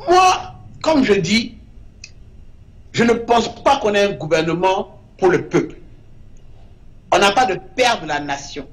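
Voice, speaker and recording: High-voiced emphatic man. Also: sing-song, unhurried, pauses often. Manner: emphatic, repeats short verdicts. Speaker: guest, artist. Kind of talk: impassioned interview talk.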